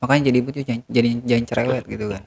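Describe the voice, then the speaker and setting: A man's voice: medium pitch, fairly even intonation, very fast, vocal fry, husky. A man, telling a regretful confession as an interview guest and often turning to the host. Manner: regretful, keeps addressing the host as "Bang". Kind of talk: confessional storytelling.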